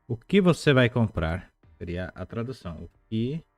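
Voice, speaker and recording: A man teaching a live online language lesson, explaining patiently and repeating words slowly, with chatty asides to viewers. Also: on the low side, very animated, a little mellow, no room sound, faint music behind.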